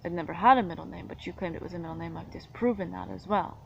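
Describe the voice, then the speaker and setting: A woman's voice: on the low side, fast, vocal fry. A woman from the United States, talking in an indignant, rambling, argumentative monologue. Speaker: vlogger. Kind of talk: casual monologue to camera. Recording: dull lo-fi sound with faint background noise.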